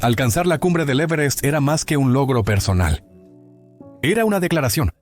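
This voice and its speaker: A male narrator tells a true story in scripted documentary style. His delivery is dramatic and lively in pitch, with a soft bed of music under his voice.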